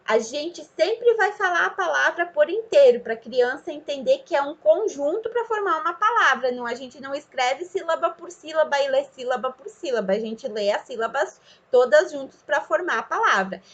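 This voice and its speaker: A young woman, a student teacher, patiently demonstrating a classroom activity and drawing out words slowly as if for a child. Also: sits high, lively intonation. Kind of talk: instructional demonstration. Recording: slightly dull lo-fi sound.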